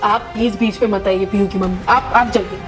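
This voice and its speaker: A woman's voice: mid-range voice, steady tone, fairly quick, over music, lightly acted. A woman voicing a stern, angry father who scolds and questions his young daughter in a doll-story role-play. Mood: angry, scolding. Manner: shouting, scolding, interrogating.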